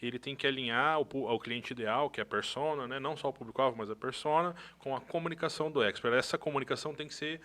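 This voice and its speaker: A man from Brazil co-hosting a podcast in casual chat, agreeable and quick to sum up his partner's points. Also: medium pitch, a bit bright. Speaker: podcast co-host.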